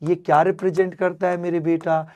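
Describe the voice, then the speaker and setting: Losing his voice, a man with a strained throat gives an energetic online chemistry lecture. He's affectionate with his students, calling them "my child" and mixing in English terms. His voice is high and brisk with little pitch movement.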